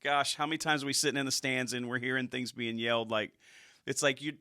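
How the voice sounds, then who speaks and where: A man co-hosts a casual football stats show with real enthusiasm and an easy laugh, often trailing off into quieter thoughts. His voice is bright and forward, recorded close and dry. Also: medium pitch, steady tone, quick pace, no echo. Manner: enthusiastic, drifts quieter when reflecting, laughs easily. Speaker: co-host of a high school football stats show. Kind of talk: casual sports chat.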